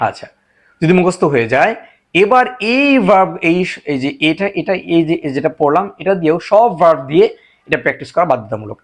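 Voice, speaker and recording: Man slowly drilling English phrases. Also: on the high side, big pitch swings. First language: Bengali. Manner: repeats example sentences slowly, switching between English and Bengali. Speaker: English teacher. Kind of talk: spoken English lesson.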